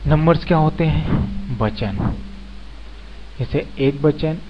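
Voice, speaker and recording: Male teacher, fairly high voice, slow and careful delivery, dull lo-fi recording with faint hiss. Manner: explains step by step, repeating example words. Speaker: English teacher. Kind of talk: slow spoken grammar lesson.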